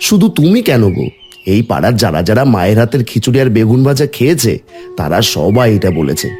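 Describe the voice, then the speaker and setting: Cartoon: male actor as a fretting young village son, earnest, lively pitch. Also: quick pace, soft background music. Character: sick, worried young village son, fond of his mother.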